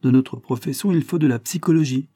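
A man reading aloud, voicing a confident, hearty male police chief with a vibrant, brisk manner. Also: medium pitch, dark tone, no echo, studio quality, voice pushed up, close to an everyday voice.

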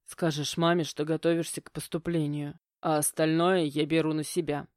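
A woman puts on a stern middle-aged stepfather who grumbles and gives orders. The voice sits low and speaks curtly. It is recorded dry and close, with no room sound. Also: little pitch movement, moderate pace, darkish tone, dry recording, natural voice. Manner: grumbling, curt, commanding. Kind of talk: audiobook character voicing.

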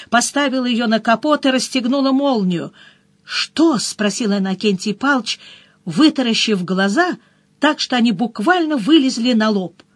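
A woman narrating a first-person audiobook in a brisk storytelling manner, with short dips into other characters' voices. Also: a little high, no room sound.

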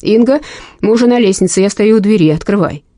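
A woman's voice: mid-range voice, fast, dark tone, dry recording, clean studio sound, close to an everyday voice. A woman reading the lines of a male police chief, giving urgent, commanding orders in an audiobook. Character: gruff male police chief, bossy but protective.

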